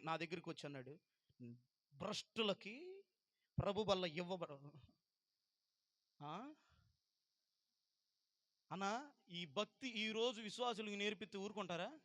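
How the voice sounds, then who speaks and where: A man, a pastor giving a testimony sermon to a congregation, swinging from loud rebuke to quiet asides. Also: high-pitched, no room sound, studio quality.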